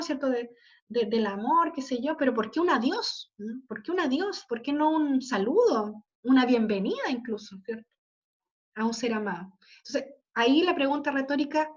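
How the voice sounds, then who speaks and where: Woman, literature teacher, bright high voice, slightly muffled lo-fi sound, keeps checking the class follows. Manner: explanatory, peppered with "¿ya?" and "¿cierto?" checks. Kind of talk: online class lecture. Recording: slightly dull lo-fi audio.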